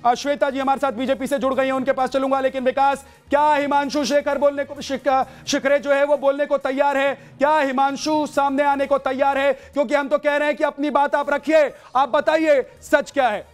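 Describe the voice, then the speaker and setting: A male news anchor speaking loudly and forcefully, repeating phrases for emphasis. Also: extremely high pitch, flat delivery, brisk, hardly any pauses. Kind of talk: loud studio news anchoring.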